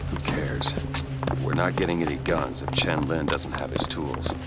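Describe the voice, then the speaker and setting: A man playing a gruff, pragmatic hired gun in a video game, blunt and impatient. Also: rumbling low, steady tone, unhurried, over loud music.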